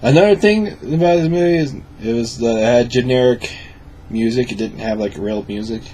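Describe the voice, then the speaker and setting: Drunk guy reviewing a movie, mellow low voice, sweary, bit of background noise. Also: moderate pace. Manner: profane. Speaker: film reviewer. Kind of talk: casual review chat.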